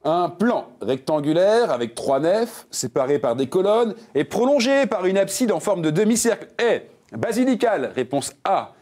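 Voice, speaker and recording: A jokey quiz-show host whose pitch swings up and down as he reads each question. He sits a little high for a man and keeps things light, slipping puns between the answer options. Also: sing-song, normal speed, darkish tone. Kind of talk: game show hosting with puns.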